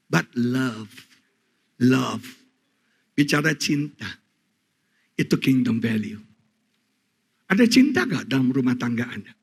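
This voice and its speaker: An Indonesian-accented male pastor delivering a sermon in a high, widely swinging voice. His tone is bright and slightly husky, and he tells stories dramatically, rising to excited peaks and dropping to soft, quiet passages. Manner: animated storytelling, addresses congregation as saudara.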